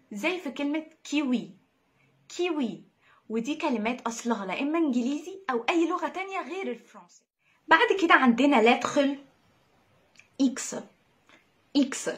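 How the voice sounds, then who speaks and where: A woman with an Egyptian Arabic accent teaching a recorded French lesson. She talks in a chatty, encouraging way and repeats each example word slowly and clearly. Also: fairly high pitch.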